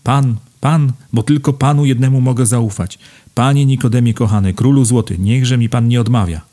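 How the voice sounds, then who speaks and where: A man's voice: mid-range voice, fairly quick, mellow, pitched above the performer's own voice, close to an everyday voice. A man voicing a fawning, panicky older businessman who lisps and pleads for help in an audiobook. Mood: pleading. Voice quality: lisping. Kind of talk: audiobook character voice.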